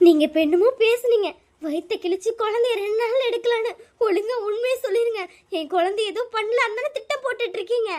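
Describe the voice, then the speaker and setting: A woman's voice: very high voice, fast, a little mellow. A woman voicing a frightened, pregnant young daughter-in-law in a cartoon, pleading and tearful. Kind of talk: cartoon voice acting.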